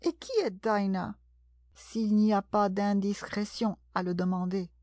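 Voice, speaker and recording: A woman's voice: medium pitch, flat delivery, measured pace, a little mellow, no room sound, clean studio sound, natural voice. A woman reading aloud and voicing a polite, sighing lory bird in a storybook. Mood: wistful.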